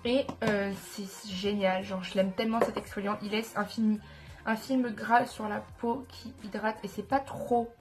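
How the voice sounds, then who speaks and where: A woman's voice: medium pitch, fairly even intonation, a little slow, over music. A woman with a congested, nasal voice from a stuffy nose, chatting casually and enthusiastically as a beauty vlogger, often correcting herself as she goes. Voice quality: nasal, blocked-up sound. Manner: informal, enthusiastic about products, self-correcting. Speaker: beauty vlogger presenting skincare products. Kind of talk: casual chat to viewers.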